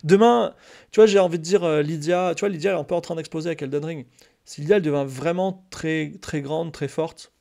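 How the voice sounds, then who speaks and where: A man talking casually to his live-stream chat, rambling with many fillers and restarts and turning animated when excited. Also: a little high, fairly quick, creaky.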